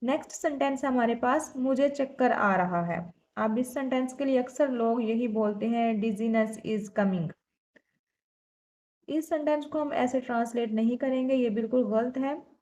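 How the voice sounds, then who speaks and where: Mellow-voiced woman teaching a language. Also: on the high side. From South Asia. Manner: slow, deliberate reading of example sentences. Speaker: English teacher. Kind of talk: explaining a language lesson.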